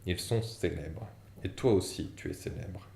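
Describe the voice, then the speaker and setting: A man voicing a huge, quick-tempered male half-giant gamekeeper, booming and indignant, in an audiobook reading with character voices. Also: creaky, a little mellow. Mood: gruff. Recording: echoey room, faint background noise.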